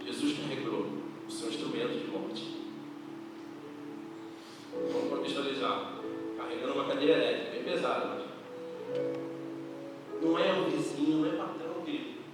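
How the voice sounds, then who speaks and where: Young Brazilian preacher in echoey hall. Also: male voice, medium pitch, steady tone, moderate pace, pauses often. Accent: Brazilian Portuguese. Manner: slangy, casual address, builds to loud impassioned preaching. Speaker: youth preacher. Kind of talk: youth service sermon. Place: church hall. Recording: roomy church hall from far off, music behind.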